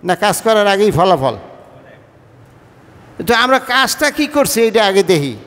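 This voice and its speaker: The voice sits high and fairly bright, with big pitch swings at a normal pace, resonating in a big room. It belongs to an imam from Barishal-Patuakhali, Bangladesh, preaching a Friday sermon in Barishal-accented Bengali; he speaks conversationally, combining colloquial and formal language, and keeps questioning the congregation.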